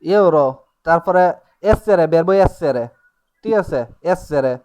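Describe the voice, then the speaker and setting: A man teaching an Italian class in Bengali, speaking slowly and checking again and again that his students follow. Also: fairly high pitch, darkish tone, clear, resonant tone. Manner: explains slowly with many checks like "ঠিক আছে?" and "নাকি?". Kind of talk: live online class taught in Bengali.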